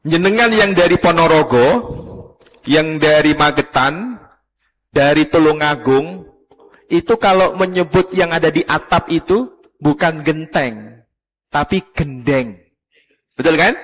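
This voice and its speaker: High-voiced man lecturing in a hall. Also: measured pace, pauses often. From Surabaya, East Java, Indonesia. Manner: lively teacher who quizzes the audience. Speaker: professor giving a religious talk. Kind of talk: religious lecture to a live audience.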